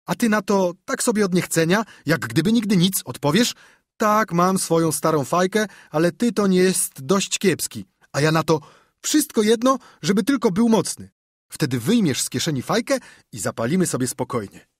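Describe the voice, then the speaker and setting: A man reading aloud gives us a swaggering young boy in an audiobook. The voice is lifted high and bounces around with excitement, slightly husky, in a dry close recording. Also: normal speed, no echo. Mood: boastful. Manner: bragging, excited. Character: boastful young boy, showing off.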